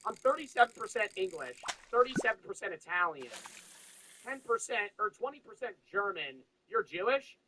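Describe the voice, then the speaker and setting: A man's voice: sits high, big pitch swings, normal speed, noisy background. A young man streaming, chatting casually, rambling and swearing with frequent laughs. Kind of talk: casual chat.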